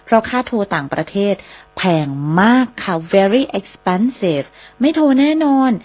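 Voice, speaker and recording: Female radio teacher, even mid pitch, repeats and spells each word slowly, muffled radio-studio sound. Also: slightly rough. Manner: spells English words slowly letter by letter, repeats phrases. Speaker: radio host and English teacher. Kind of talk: radio English lesson. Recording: slightly dull radio broadcast sound.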